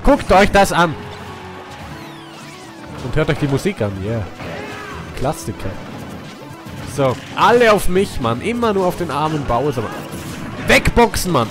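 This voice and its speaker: Speaking at a measured pace with long pauses, a congested young Austrian gaming channel host offers casual commentary on his game. He's excitable, shifting between hyped outbursts and low mumbling, and game music sounds in the background.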